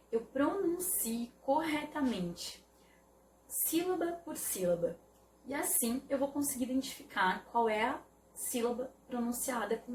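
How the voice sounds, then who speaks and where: Slow, careful woman teacher, echoey room. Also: medium pitch, a bit bright, distant mic, a little hiss or hum. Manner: slow, careful explanation with repeated "né?". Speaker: Portuguese teacher. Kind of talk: online video lesson.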